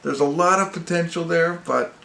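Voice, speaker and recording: A slightly high male voice at normal speed, sharp-toned with vocal fry, belongs to an amateur movie reviewer hosting an improvised, casual review. He rambles and hesitates searching for words, and the room sounds echoey with faint background noise.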